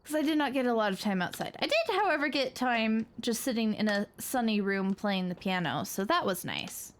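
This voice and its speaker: A woman's voice: fairly high pitch, sing-song, normal speed. A young woman hosting a live gaming stream, chatting casually, laughing often and reacting dramatically. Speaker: streamer host.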